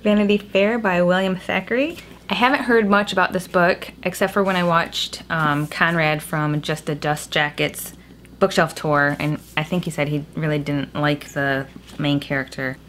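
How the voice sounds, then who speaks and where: A woman's voice: deep voice, steady tone, normal speed, fairly bright tone. A young woman chatting casually about a book haul as a vlogger, recorded in a small room with a cave-like echo. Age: young adult. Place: small indoor room at home. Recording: echoey cave-like room, clear background noise.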